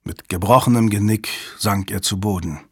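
A man reading a thriller as a measured, suspenseful audiobook narrator. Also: fairly low pitch, husky, no room sound, clean studio sound. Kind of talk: scripted narration.

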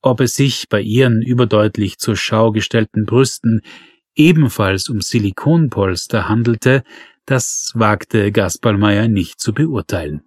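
A man narrating a crime novel in a measured, wry way. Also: on the low side, darkish tone, no room sound, clean studio sound. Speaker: audiobook narrator.

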